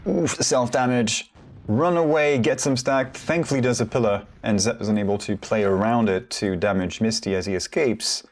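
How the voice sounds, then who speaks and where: A man's voice: mid-range voice, normal speed. A man giving casual solo commentary on a competitive video game match, rambling with self-deprecating asides.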